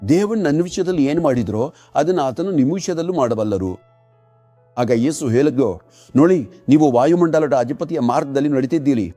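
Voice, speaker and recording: In a dubbed sermon voice-over, a man preaches earnestly and repeats his commands. His voice is a little high with a dark tone.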